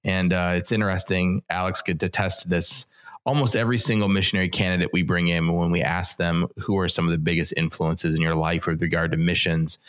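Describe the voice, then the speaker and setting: A man's voice: deep voice, little pitch movement, a little fast, a bit bright. A man with a Wisconsin accent co-hosting a podcast, easygoing and friendly as he introduces a guest. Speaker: podcast co-host. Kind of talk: casual interview talk.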